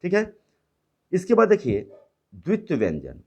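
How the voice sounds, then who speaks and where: A man's voice: high voice, huge pitch swings, normal speed, warm tone, breathy edge, highs cut off. A man teaching a school grammar lesson, explaining each term and repeating it in simpler words, slipping into English and Bengali phrases.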